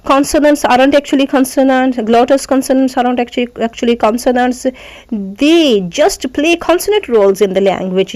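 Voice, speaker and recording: A woman teacher giving a phonetics lesson. She reads English lines slowly and deliberately, then explains them in quick conversational asides and demonstrates the sounds aloud. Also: medium pitch, a little mellow. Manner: demonstrates sounds aloud, addresses listeners as "janab".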